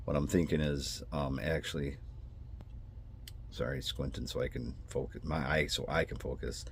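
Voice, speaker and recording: In this scale-model building vlog, an adult man with a son speaks in a very deep, steady voice at normal speed, over slight background noise. Sinus trouble leaves him congested and nasal, and he has a twang. He keeps interrupting himself, apologizing and starting sentences over as he rambles.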